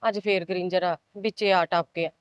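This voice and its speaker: An actress playing a resentful, scheming elder daughter-in-law who grumbles and snaps back. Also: female voice, lowish voice, steady tone, a little fast, muffled recording, close to an everyday voice. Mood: sulky. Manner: grumbling, sulky, sharp-tongued. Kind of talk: amateur village short-film acting.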